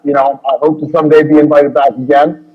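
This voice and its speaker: Husky, rambling storyteller man. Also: a little high, level tone, fast, highs cut off. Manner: rambling, filler-heavy, acts out dialogue. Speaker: guest wrestler. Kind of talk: casual storytelling interview.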